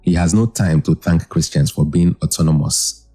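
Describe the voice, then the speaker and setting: Very deep, dark-voiced male commentator. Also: normal speed, husky, soft background music. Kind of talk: scripted commentary narration.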